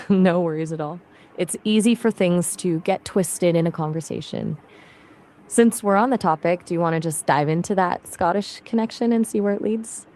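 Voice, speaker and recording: An AI assistant with a woman's voice, chatting casually. Her tone sits a little low, but she stays upbeat and quick, bouncing lively replies back in easy conversation.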